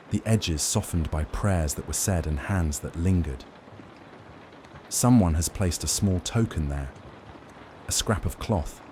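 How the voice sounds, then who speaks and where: A man giving a slow, soothing scripted bedtime narration in a gentle, measured, lulling manner. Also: deep voice, slight background noise. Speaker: narrator of bedtime lore stories.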